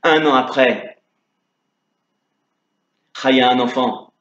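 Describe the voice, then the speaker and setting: A man teaching Torah through a dramatic story, moving between hushed narration and loud calls. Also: medium pitch, takes it slowly. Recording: dull lo-fi sound in an echoey room.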